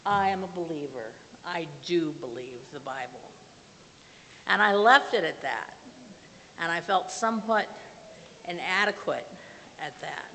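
Slow earnest older woman in church hall. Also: on the low side, animated, fairly bright tone. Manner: earnest, plainspoken, with slow measured phrasing. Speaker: lay speaker giving a testimony. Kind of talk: personal testimony and prayer in a church service. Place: small church sanctuary, at a pulpit. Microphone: far camera from the back of the room. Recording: reverberant church hall with faint hiss.

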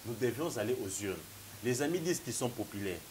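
His medium-pitched voice has a darkish tone and lively intonation, and he talks a little fast. He's a political analyst in his thirties with a Congolese French accent and a slight cold, arguing emphatically in a studio debate show, gesturing and repeating "mon cher ami," captured on a lapel mic with faint hiss.

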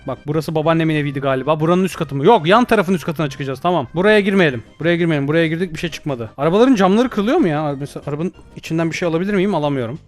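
A man's voice: a little high, expressive, very fast, hardly any pauses, soft background music. A young man doing jokey let's play commentary, panicking, yelping for help and joking at the game. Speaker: gaming YouTuber.

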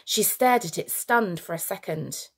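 A woman teacher reading a children's story aloud with expressive storytelling. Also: on the low side, a little slow, slightly rough.

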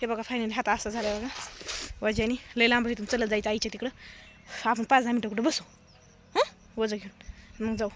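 A woman with a Marathwada Marathi accent keeps up a stream of teasing, scolding banter for her vlog, worn out from lugging a heavy bag. Her voice sits high and the words tumble out quickly. Traffic and street noise from the outdoor road come through clearly on the phone mic. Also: little pitch movement. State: tired from carrying a heavy bag. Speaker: vlogger. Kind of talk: casual vlog chat while walking. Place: outdoors on a road on market day. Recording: noisy outdoor street recording.

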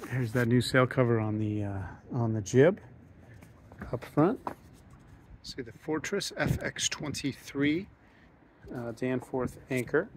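A man who sells yachts, walking through a docked sailboat and describing it in a casual, unhurried way, often pausing with ums and uhs as he points things out. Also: mid-range voice, a little hiss or hum. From United States. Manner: relaxed, thinks aloud with frequent ums and uhs. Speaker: yacht salesman giving a boat tour. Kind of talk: casual walkthrough narration. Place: aboard a docked sailboat, outdoors then in the cabin.

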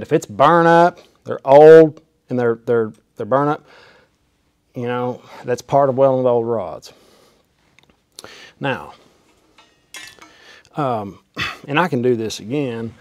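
A man in his forties gives a folksy, emphatic welding lesson, cutting in with punchy exclamations. His voice sits at an ordinary middle pitch. The lapel mic keeps the sound close and dry in his small workshop. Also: warm tone, no room sound. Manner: folksy, emphatic, demonstrating with gestures. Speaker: welding instructor. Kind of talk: hands-on how-to demonstration. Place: small workshop with machine tools, indoors. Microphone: clip-on lapel mic.

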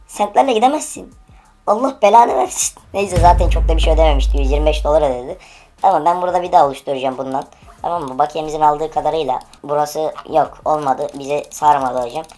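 A woman with a low, dark-pitched voice comments live on an online gaming stream. She is impatient and swears freely, pleading with the game for a good drop. Faint music plays quietly underneath. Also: fairly even intonation, fast talker. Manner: impatient, profane, urging the game aloud. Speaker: online case-opening streamer.

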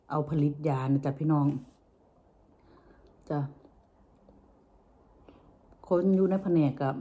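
A woman with a low, mellow voice and a northeastern Thai Isan accent. She talks to her viewers in a casual, folksy way, often softening phrases with polite particles. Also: highs cut off. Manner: folksy, addresses listeners with frequent soft polite particles. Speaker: vlogger. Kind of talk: casual chat to viewers while eating.

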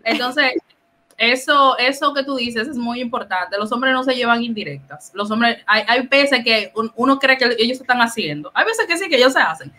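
A woman with a Dominican accent talks in a relaxed podcast chat. Her voice is bright and somewhat high. She slips into other people's voices when she quotes them. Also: moderate pace. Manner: animated, acts out quoted dialogue. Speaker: podcast co-host. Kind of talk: casual chat.

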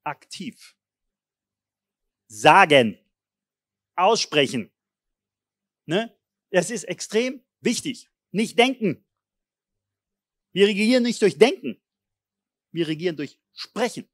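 A man preaching a charismatic sermon, moving between low, intense murmurs and loud, forceful exhortation in a blunt, colloquial manner. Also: expressive, takes it slowly, long pauses, husky, no echo. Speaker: pastor.

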